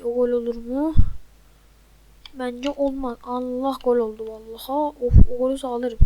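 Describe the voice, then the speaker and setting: Woman, high voice, let's-play commentator; exasperated, mocking teammates, faint background hiss. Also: warm tone, poor audio. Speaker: gamer. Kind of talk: gameplay commentary. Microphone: desk microphone.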